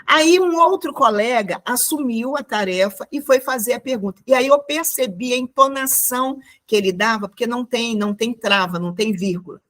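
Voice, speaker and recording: A woman's voice: fairly high pitch, normal speed, hardly any pauses, fairly bright tone. A woman from Brazil teaching an online class, telling a story and reflecting aloud with many fillers and restarts. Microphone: video call.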